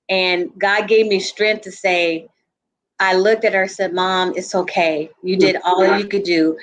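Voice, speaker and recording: Woman, group chat guest, earnest personal story, halting restarts, frequent asides. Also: medium pitch. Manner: earnest, reliving a painful memory. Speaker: panel guest.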